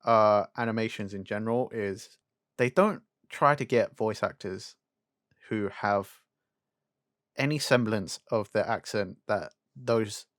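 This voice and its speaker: A man's voice: on the low side, slow, a bit bright, dry recording, clean studio sound. A young man co-hosting a casual, sweary chat, griping and asking rhetorical questions. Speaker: podcast co-host. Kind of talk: casual chat about animation and games.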